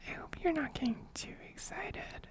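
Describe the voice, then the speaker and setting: A woman livestreamer doing close ASMR whispering right in the listener's ear, coy and teasing, talking to her chat. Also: normal speed. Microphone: close microphone.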